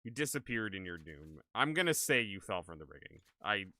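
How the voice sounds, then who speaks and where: A man livestreaming a video game, chatting casually and excitably with viewers in an animated, exclaiming way. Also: on the low side, fairly quick, soft background music. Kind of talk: casual livestream gaming chat and commentary.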